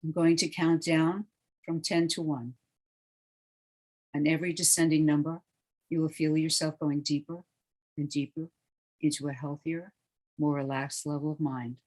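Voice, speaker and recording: A meditation guide leading a guided relaxation with a slow, soothing, hushed delivery that trails off softly at the ends of phrases. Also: medium pitch, little pitch movement, rough recording.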